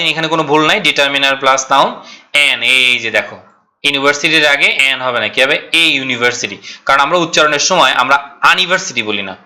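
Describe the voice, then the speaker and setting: Guy teaching grammar, super bright sharp voice, keeps repeating the rules, drags out example sentences. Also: mid-range voice. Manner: repeats rules slowly, asks and answers his own questions; stretches out English example sentences. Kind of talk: classroom lesson explaining exam questions.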